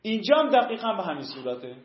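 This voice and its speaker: A man teaching a class, raising questions and answering them himself as he goes. His voice sits high, and he draws out word forms in a slow chant. The recording is dull and lo-fi, with a roomy echo around him. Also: big pitch swings. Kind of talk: classroom lesson. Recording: echoey room, dull lo-fi sound.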